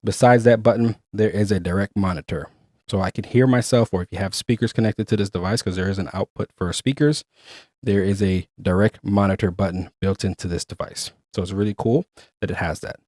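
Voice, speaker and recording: A man's voice: lowish voice, steady tone, a little fast, a little mellow, dry recording, clean studio sound. A man hosting a casual product review, chatty and explaining features step by step. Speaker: gear reviewer and host.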